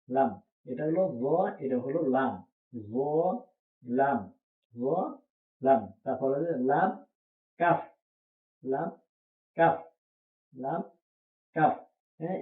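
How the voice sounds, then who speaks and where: The sound is thin and phone-like, ringing hollowly around a mid-range male voice. A patient Quran reading teacher, he steps through letter names one at a time, slowly repeating each pair and asking questions to check understanding.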